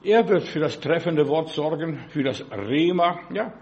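A man's voice: a little high, animated, measured pace, highs cut off, slight background noise. A man preaching a sermon, speaking straight to the listener as "du" and dropping a "ja" between his phrases. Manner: addresses listener directly as "du".

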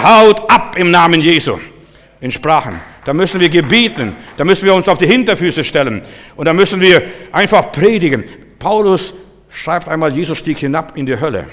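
An older man preaching a charismatic sermon, dropping to quiet, low asides and then rising to loud, forceful commands. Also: expressive, fairly quick, long reverb tail.

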